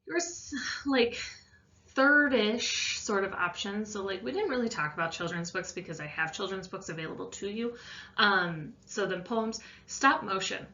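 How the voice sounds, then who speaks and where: A science teacher gives an informal voice-over lesson, explaining an assignment in loose, conversational language. Her medium-pitched voice is expressive and sharp-toned at a moderate pace. A distant mic makes the sound slightly muffled.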